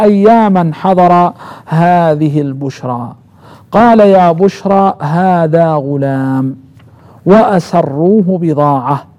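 A man teaching a Quranic exegesis lesson, explaining slowly, repeating each phrase and drawing out the quoted verses. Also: high-pitched, dark tone. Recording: dull lo-fi recording.

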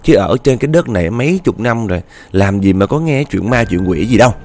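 A man playing a sharp-tongued, scornful woman who mocks her in-laws. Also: lowish voice, expressive, fairly quick, slight background noise. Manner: scornful, mocking.

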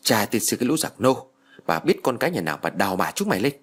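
A man's voice: big pitch swings, slightly rough. A man voicing a foul-mouthed old village woman who scolds and curses. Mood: furious. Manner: shrill, scolding, cursing rapidly.

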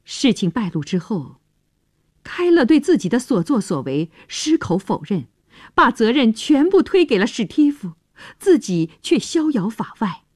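A woman narrates a story for radio with dramatic, expressive delivery and wide, animated swings in pitch. Her voice sits a bit high and carries a slightly husky grain. It is recorded dry and close in a studio. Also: unhurried, no room sound.

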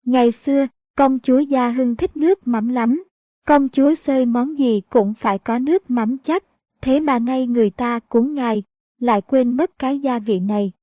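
A woman's voice: high voice, moderate pace, warm tone, no room sound. A woman voicing a mocking old male beggar who is secretly a master fighter, in a sly, scolding way. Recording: dull, dry audiobook recording.

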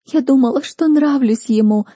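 A woman's voice: on the high side, brisk, warm tone, slightly rough, dry recording, clean studio sound, pitched above the performer's own voice. Woman putting on a weepy, sniffling young sister. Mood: tearful. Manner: sniffling, whiny nasal pleading. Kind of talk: audiobook reading.

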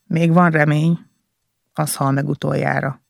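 A man narrates a novel in the first person, with a gravelly edge and a slightly higher pitch than most men. His delivery is intense and emotional, broken into short, halting phrases. The recording is dry and close, with no room echo. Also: little pitch movement. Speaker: audiobook narrator.

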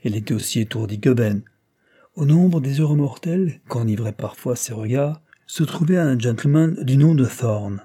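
A narrator doing a probing, guarded lawyer. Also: male voice, mid-range voice, animated, mellow, husky. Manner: deliberate, pointed questioning. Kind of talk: audiobook character voice.

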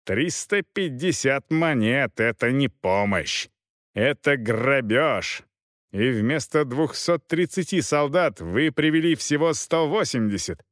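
A man's voice: medium pitch, expressive, takes it slowly, a bit bright, dry recording, studio quality. A man playing a proud, cutting knight. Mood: angry. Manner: cutting, accusing. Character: proud male knight, cold, haggling, quick to anger.

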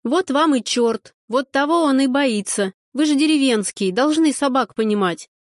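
Женщина-чтец озвучивает упрямую девушку, которая огрызается и возмущается. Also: female voice, high-pitched, expressive, normal speed, dry recording, studio quality, voice pushed up. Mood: defiant. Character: stubborn young woman, defiant and snappy.

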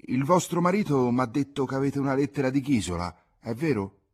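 A man voicing an impatient young master asking curt, sharp questions in a storybook reading, with a husky voice. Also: mid-range voice, fairly quick, voice pushed up, close to an everyday voice.

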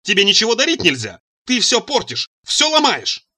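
Мужчина изображает визгливую разгневанную мать. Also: male voice, wildly swooping pitch, moderate pace, sharp tone, breathy edge, exaggerated voice. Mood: furious scolding. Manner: shrill, scolding. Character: furious scolding mother, shrill, imperious.

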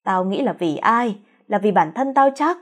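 A woman's voice: medium pitch, animated, moderate pace, close to an everyday voice. A woman voicing a spiteful older mother-in-law who screeches and scolds in a storybook reading. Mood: furious.

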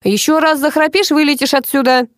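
A woman's voice: on the high side, expressive, brisk, a little mellow, no room sound, clean studio sound, voice pushed up, close to an everyday voice. A woman doing a bossy male TV director. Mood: barking. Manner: barking orders, brusque. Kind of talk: audiobook character reading.

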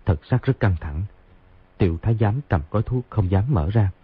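A man narrating a martial-arts novel in an expressive, brisk storytelling way. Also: lowish voice, slightly rough. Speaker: audiobook narrator. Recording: tinny phone-like sound.

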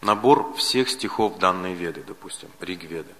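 Guy with a russian accent giving a lecture, lowish bright voice, repeats his points, echoey archive hall recording. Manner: measured, enumerating points with repetitions. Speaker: lecturer on Vedic philosophy. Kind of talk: spoken lecture.

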